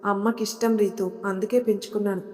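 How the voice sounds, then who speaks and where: A woman voicing a gentle, mistreated young woman who answers softly and meekly. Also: mid-range voice, fairly even intonation, a little fast, in a large hall, lightly acted. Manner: soft, meek.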